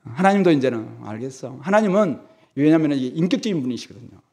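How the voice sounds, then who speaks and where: A middle-aged male pastor preaching in a conversational way. His voice sits high and swings widely in pitch, and he acts out little scenes with loud mock commands. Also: sing-song, a little fast. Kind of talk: sermon.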